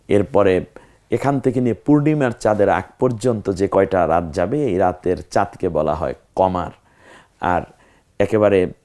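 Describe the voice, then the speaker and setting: A man teaching Arabic letter pronunciation in a lesson, drawing out each sound slowly and repeating it to demonstrate. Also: on the low side, a little mellow. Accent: Bangladeshi Bengali. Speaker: Quran recitation teacher. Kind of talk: online tajweed lesson.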